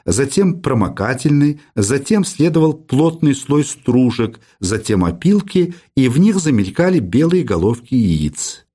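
A man reading a literary audiobook in an expressive, measured storytelling manner. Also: medium pitch. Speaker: audiobook narrator.

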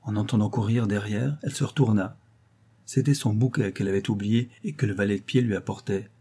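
A man reading a classic novel aloud as narrator, steady and measured. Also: on the low side, husky. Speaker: audiobook narrator.

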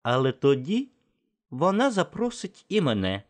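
A man voicing a proud, sharp-tongued young woman in an audiobook, speaking in a hushed, tense way. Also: on the high side, huge pitch swings, unhurried, pitched above the performer's own voice. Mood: cool and sharp.

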